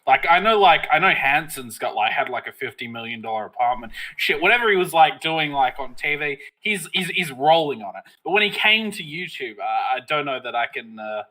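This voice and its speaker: A man's voice: on the high side, animated, a little fast, hardly any pauses, bright, forceful tone, rough recording. A man co-hosting a casual chat show, rambling with lots of fillers and laughing often. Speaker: co-host.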